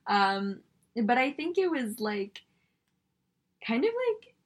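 A woman's voice: fairly high pitch, very animated, slow, husky. Reflective woman from Singapore. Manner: reflective, many "like" fillers. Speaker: podcast co-host. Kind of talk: casual conversation.

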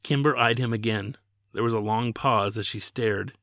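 A man's voice: lowish voice, normal speed, a bit bright, no echo. Man reading a novel aloud, dry sound. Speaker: author reading his novel. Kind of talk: audiobook narration.

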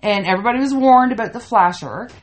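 A middle-aged woman from Canada, co-hosting a casual podcast and telling funny stories with an animated manner. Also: fairly high pitch, quick pace. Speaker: podcast co-host. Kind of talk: casual storytelling chat.

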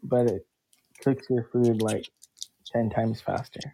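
A man talking casually with someone he has just met, at an ordinary pitch. He rambles, circles back and leans on filler words, keeping things loose and unpolished. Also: fairly even intonation, slow pace, creaky, dark tone, slight background noise, rough recording. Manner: rambling, filler-heavy, uses "like" a lot. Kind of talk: casual chat.

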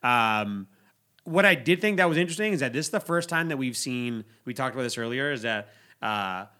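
A man's voice: mid-range voice, lively intonation, a little fast, pushed and bright. A young man hosting a podcast, giving casual, conversational commentary. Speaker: podcast host.

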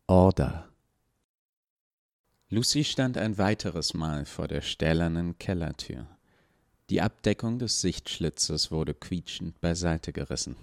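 A man's voice: deep voice, no room sound, clean studio sound. A man narrating a serialized story expressively, reading it aloud. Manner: expressive reading with character voices.

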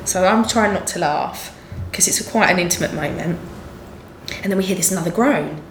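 A woman's voice: lowish voice, brisk. Essex woman, stage performer, chatty and giggly, roomy echo with faint hiss. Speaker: musical theatre performer. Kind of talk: casual interview chat.

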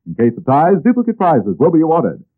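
A man in the style of an old radio announcer, reading a scripted sales pitch and addressing listeners directly like a salesman. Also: wildly swooping pitch, fairly quick, husky. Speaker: announcer reading sponsor ads. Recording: tinny, band-limited old radio recording.

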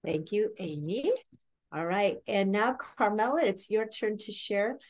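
A woman chairing a meeting over a video call, guiding speakers in a soft-spoken way. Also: mid-range voice, animated, a little slow.

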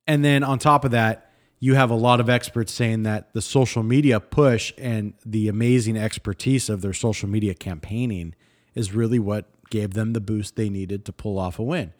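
A man in a casual discussion who speaks bluntly, with a sarcastic edge. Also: lowish voice.

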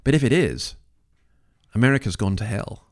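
A man's voice: fairly low pitch, animated, normal speed. A man hosting an opinionated commentary, speaking in an earnest, emphatic, moralising way with rhetorical questions. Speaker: commentary podcast host.

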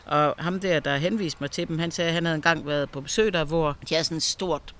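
A man who is an author and a guest, telling eerie stories in a lively way during a conversation. He often repeats words as he restarts a thought. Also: on the high side, a little hiss or hum. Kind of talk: storytelling in a conversation.

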